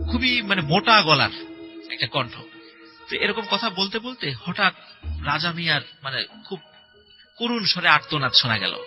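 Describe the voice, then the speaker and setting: Prominent music backs a man whose voice sits fairly high as he narrates a horror story for a host. It's told conversationally but haltingly, with repetition, filler words and a suspenseful edge.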